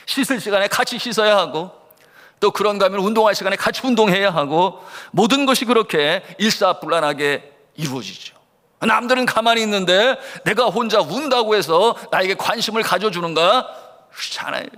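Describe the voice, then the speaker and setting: A man's voice: sits high, animated, fairly quick, fairly bright tone. A middle-aged male pastor preaching a sermon with earnest emphasis and rhetorical questions to his congregation. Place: church sanctuary. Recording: long church reverb.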